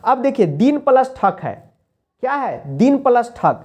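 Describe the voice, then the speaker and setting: A man's voice: very high voice, very animated, measured pace, darkish tone. A man teaching an online class, in a playful, coaxing manner, often checking whether students follow.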